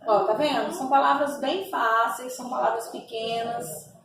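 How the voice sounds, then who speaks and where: A woman's voice: a little high, steady tone, normal speed, vocal fry. A woman training a group, explaining step by step with frequent tag questions and sounding out example words herself. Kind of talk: teaching a training session. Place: echoey room. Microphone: distant mic. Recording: echoey room, distant mic, faint noise.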